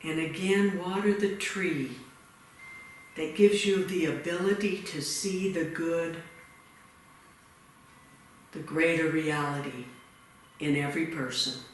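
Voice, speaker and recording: A man guiding a meditation in a retreat room, giving slow, soft-spoken instructions. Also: on the high side. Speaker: meditation leader. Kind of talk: guided meditation. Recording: echoey room, distant mic, faint hiss.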